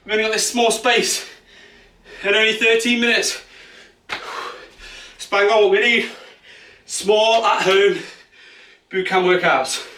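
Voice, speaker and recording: A man's voice: high-pitched, bright, forceful tone. Breathless man coaching a workout. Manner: urgent encouragement and countdowns while exercising. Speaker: fitness instructor. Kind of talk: follow-along workout coaching. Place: small space at home. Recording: echoey room, far from mic.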